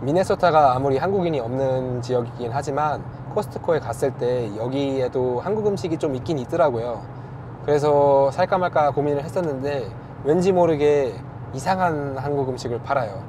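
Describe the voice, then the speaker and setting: A man's voice: mid-range voice, animated, very fast, background noise. A young man chatting casually in a vlog, matter-of-fact and playful. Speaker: vlogger.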